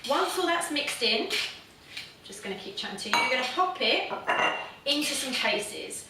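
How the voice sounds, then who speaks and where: A woman's voice: high voice, expressive, moderate pace, far from the mic, heavy background noise. A woman hosting a casual home cooking demonstration, chatty and self-deprecating, with plenty of fillers. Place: home kitchen. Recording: very echoey room, voice from off the mic.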